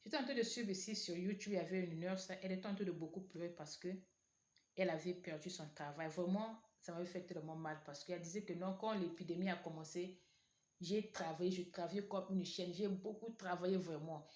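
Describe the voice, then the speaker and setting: Low-pitched woman preaching. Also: a little fast, a little mellow. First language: not French. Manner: earnest, repetitive, exhorting. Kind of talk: sermon, exhortation to online viewers. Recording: echoey room.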